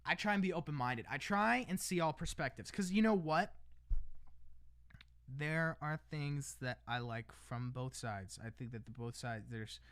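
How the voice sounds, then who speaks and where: A man's voice: fairly high pitch, a little slow, fairly bright tone, no room sound. A man talking casually on his livestream, rambling with lots of restarts, tossing in "bro" and "man" and laughing between lines. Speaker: livestream host.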